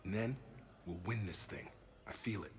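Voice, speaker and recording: A man's voice: fairly low pitch, moderate pace, natural voice. A man playing a loyal, upbeat former soldier in a video game, talking in an easygoing, sincere and informal way.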